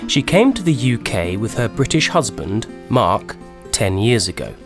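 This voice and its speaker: A man reads a scripted documentary narration in a clear, measured way. His voice sits on the low side and rises and falls a great deal. Music plays steadily beneath him. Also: big pitch swings. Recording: voice-over with music underneath.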